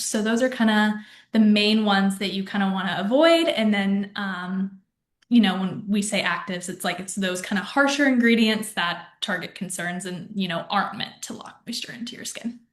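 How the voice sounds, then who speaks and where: Young woman, brand rep, relaxed chatty delivery, roomy echo on the mic. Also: medium pitch, normal speed. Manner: chatty, many fillers like um and you know. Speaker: skincare brand representative. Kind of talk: casual informative talk. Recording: echoey room.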